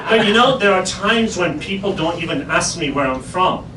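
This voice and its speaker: A man with an English accent performs a stand-up set with dry, self-mocking punchlines. His voice sits high and swings widely in pitch. The recording is distant and roomy, with loud noise underneath. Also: animated, normal speed. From Pakistan. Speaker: stand-up comedian. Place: improv club stage before a live audience.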